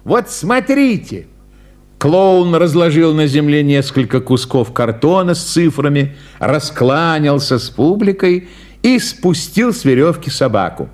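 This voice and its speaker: Male storyteller, high and expressive, unhurried delivery. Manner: unhurried, lively reading with acted dialogue. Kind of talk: storytelling, reading a classic tale aloud.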